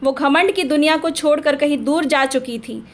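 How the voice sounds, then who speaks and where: A woman storyteller narrating a scripted family story in a steady, dramatic way. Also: sits high, normal speed.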